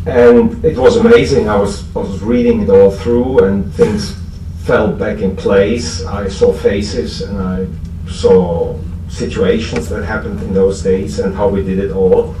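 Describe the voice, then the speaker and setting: Speaking to an audience in an echoey room, a man with a German accent recalls history in a casual, halting talk at a recovery fellowship convention, full of dry, self-mocking humour. His voice is on the low side, warm and fairly even in intonation, and the distant microphone picks up echo and room noise.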